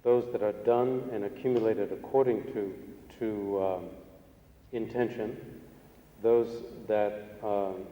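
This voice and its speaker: Low, mellow male interpreter in an echoing hall. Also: fairly even intonation. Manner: halting, careful, measured phrasing. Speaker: interpreter translating a Buddhist teacher. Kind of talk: consecutive interpretation of a philosophy lecture. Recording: echoey hall, distant mic, background noise.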